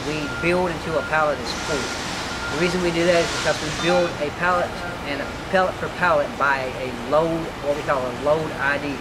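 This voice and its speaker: A man's voice: fairly high pitch, steady tone, fairly quick. A man giving a step-by-step walkthrough of warehouse operations, using workplace jargon, on a large warehouse floor. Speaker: warehouse supervisor. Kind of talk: on-site walkthrough explanation. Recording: loud warehouse machinery noise.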